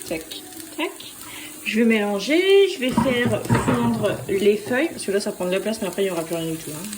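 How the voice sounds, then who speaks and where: A woman's voice: mid-range voice, animated, moderate pace, noisy background. A French woman chatting casually as she cooks for her family, speaking hesitantly with frequent fillers. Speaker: home cooking vlogger. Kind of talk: casual cooking vlog voice-over.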